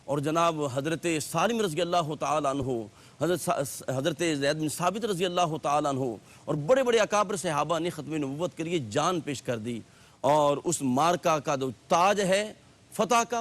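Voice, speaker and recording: A male host in a TV studio speaking in a reverent, measured way. He ends his own account and politely turns the floor to his guest. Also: on the high side. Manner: reverent, handing over to the guest. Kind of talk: religious TV discussion.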